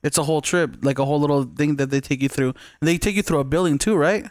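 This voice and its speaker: A man's voice: on the high side, fast, dry recording, clean studio sound. A young man hosting a casual podcast, a native Spanish speaker raised near the Mexican border, joking and teasing his guest. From born in Los Angeles, raised in Baja California. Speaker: podcast host.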